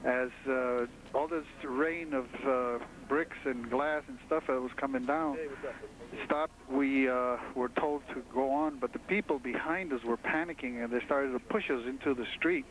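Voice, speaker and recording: A man interviewed on the street as an eyewitness, shaky and halting, with many restarts. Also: mid-range voice, background noise.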